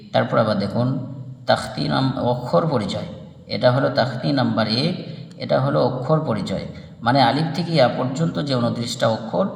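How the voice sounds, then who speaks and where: Slow gravelly man teaching letters. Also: mid-range voice. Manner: patient, spells out letters one by one, drawn-out chanting of letter names. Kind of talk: slow step-by-step lesson. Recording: echoey room with long reverb.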